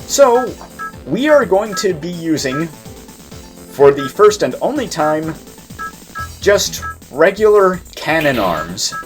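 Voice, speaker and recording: A man's voice: a little high, sing-song, slow pace, pauses often, music in the background. A man giving explanatory gameplay commentary, putting emphasis on key words as he plays. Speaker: game player and commentator.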